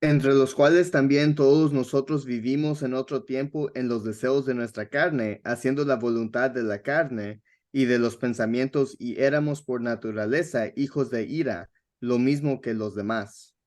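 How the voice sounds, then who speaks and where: Male class member reads scripture aloud, steady and plain. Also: mid-range voice, moderate pace.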